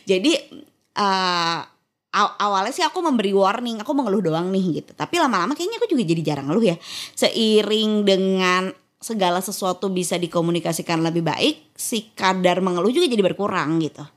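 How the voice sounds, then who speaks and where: Casual conversation: a woman in her thirties who talks fast and brightly, slipping into little acted-out quotes as she explains things to her co-host. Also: medium pitch. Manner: chatty, lively, often acts out quoted speech.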